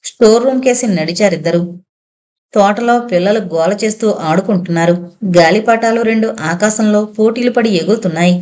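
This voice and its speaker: A woman narrating a novel aloud with steady storytelling. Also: mid-range voice, a little fast. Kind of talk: scripted narration.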